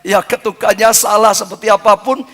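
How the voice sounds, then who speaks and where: An older man preaching a sermon, fervent, building into chanted shouted repetitions and dropping low between them. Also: flat delivery, normal speed. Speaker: pastor. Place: church hall. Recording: echoey church hall with music.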